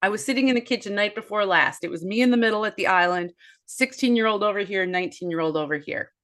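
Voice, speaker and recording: A woman's voice: medium pitch, fast. Forty-something woman chatting about her boys, earnest, acts out little quotes. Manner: earnest, animated storytelling with quoted asides. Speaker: author and parenting guest. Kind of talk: conversational podcast discussion.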